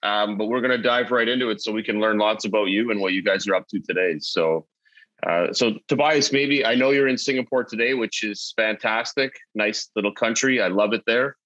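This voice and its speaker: A man's voice: lowish voice, fairly quick, fairly bright tone, no echo. A man hosting an interview podcast, upbeat, loose and chatty with fillers. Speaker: podcast host. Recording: dull, dry call audio.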